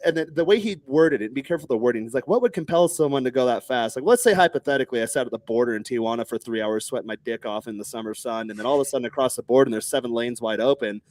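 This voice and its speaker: Fast-talking storytelling man. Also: mid-range voice, no echo. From Texas. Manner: animated, acts out other people's lines in raised voices, swears freely. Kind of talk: casual storytelling chat.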